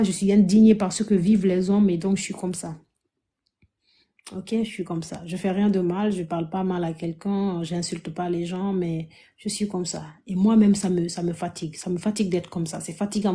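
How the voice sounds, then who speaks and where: A woman from Africa hosting a live stream, talking to her viewers in an emphatic, loud and pleading way. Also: medium pitch.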